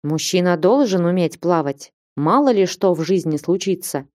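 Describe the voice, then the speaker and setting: A woman voicing a steppe warrior man who speaks quietly and calmly, with a lowered voice. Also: moderate pace, no echo, studio quality, lightly acted. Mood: cold. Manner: calm, quiet, firm. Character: stern low-voiced male steppe commander.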